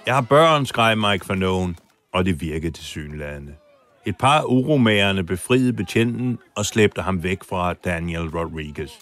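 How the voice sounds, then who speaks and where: A man's voice: sits low, animated, a bit bright. A man telling a true story as host in scripted documentary narration, acting out the quoted lines with drama. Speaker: podcast host and foreign correspondent.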